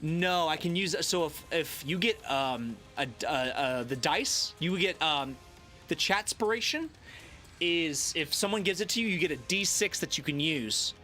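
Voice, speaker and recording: High, lively male game master. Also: faint music behind. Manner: halting, repeats words. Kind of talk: casual tabletop game narration on a group stream.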